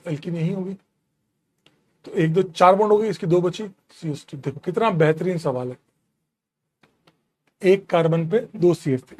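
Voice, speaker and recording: A man with a fairly high voice teaches a chemistry lesson in a relaxed, friendly way. He reassures the students, repeats steps, counts out carbons and keeps telling them there is nothing to worry about. The delivery is that of a chatty classroom teacher. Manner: casual, encouraging, calls students bro. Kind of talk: classroom lecture.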